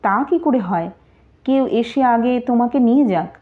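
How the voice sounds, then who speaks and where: Woman doing a carefree young male nawab heir, storybook reading, slow, phone-like audio. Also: a little high, lively intonation.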